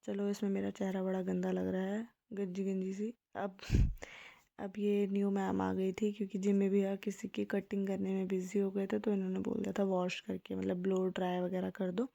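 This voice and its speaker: A young woman narrating a casual vlog voice-over in a soft, hushed, chatty way. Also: medium pitch, monotone, moderate pace, creaky, no room sound, muffled recording. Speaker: vlogger.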